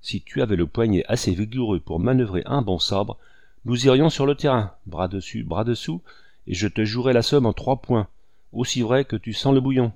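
A man voicing a blunt, gruff army colonel who speaks brusquely and gives orders, in an audiobook reading. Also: medium pitch, normal speed, darkish tone, dry recording, clean studio sound, lightly acted. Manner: brusque, commanding.

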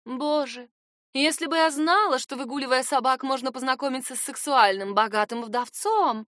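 A woman narrator voices a gushing, gossipy divorcee in an audiobook, her exclamations pitched a little higher than the narration. The sound is close and dry. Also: normal speed, a bit bright, dry recording. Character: gossipy, flirty Southern divorcee friend. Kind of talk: audiobook character voice.

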